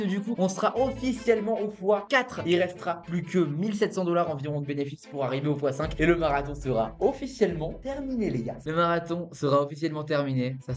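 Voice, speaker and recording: A man hosting a trading channel, commenting live on his trades with hyped countdowns and pitching viewers directly.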